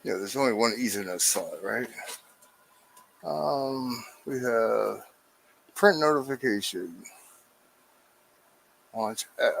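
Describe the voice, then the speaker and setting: A man's voice: mid-range voice, expressive, slow, vocal fry, pauses often, fairly bright tone, slight background noise, low-quality recording. A man hosting a live stream, chatting casually and muttering with exasperation while trying to fix a printer.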